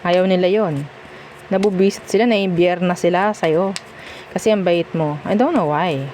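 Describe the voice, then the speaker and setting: A woman with a Filipino accent gives a casual tarot reading, chatty and reassuring, mixing Tagalog with English and often checking in with "okay?" Her lowish voice is a little mellow at a normal speed, with slight background noise.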